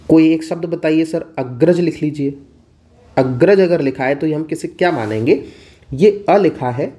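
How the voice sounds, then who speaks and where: Male tutor, warm low tone, patient exam-prep explainer who talks to himself in questions. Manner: asks and answers his own questions. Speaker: teacher. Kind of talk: exam-prep Hindi lesson.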